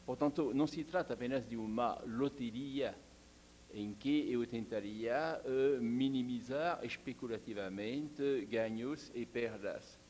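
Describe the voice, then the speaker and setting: Man, audience member, academic question, slow and hesitant, faint hum behind. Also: medium pitch, darkish tone. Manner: slow, deliberate, with frequent hesitations. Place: seminar hall.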